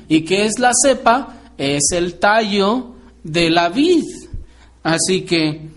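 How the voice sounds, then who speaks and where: A man with a high, light voice delivers a sermon-style Bible lesson. He talks at an unhurried pace, laying out each point carefully and turning to his listeners with rhetorical questions. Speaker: preacher teaching the Bible.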